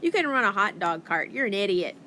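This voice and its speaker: Gruff old man in his eighties, cranky, curt, lower voice, loud, read by a woman. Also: steady tone, fairly quick, slight background noise, lightly acted. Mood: bellowing. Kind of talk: audiobook character voice.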